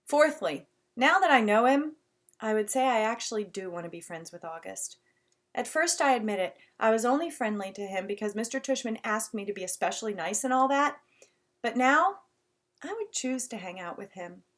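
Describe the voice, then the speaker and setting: Woman reader doing a chill first-person kid story, voice sits a bit high. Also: animated, moderate pace, a bit bright. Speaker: audiobook reader.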